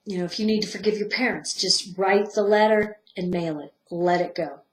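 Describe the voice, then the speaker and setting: A woman giving a spiritual teaching talk, guiding her listeners softly, her voice swelling and then dropping to a hush. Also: medium pitch, moderate pace. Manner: soft-spoken guidance that swells and drops to a hush. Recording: roomy echo.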